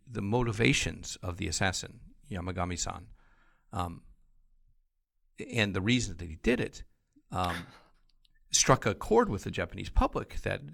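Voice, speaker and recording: A man speaks as a guest on a podcast in a low, gravelly voice. He is blunt and sardonic, and his pitch swings widely as he needles his subject. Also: fairly bright tone. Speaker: guest commentator. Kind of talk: podcast conversation.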